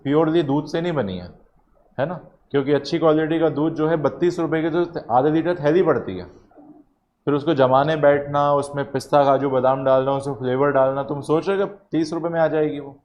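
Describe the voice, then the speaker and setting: A man's voice: a little high, a little mellow. A man teaching a biology class, drilling points through repetition and frequent check-ins with students. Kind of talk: classroom lecture. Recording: slightly dull audio, faint room ambience.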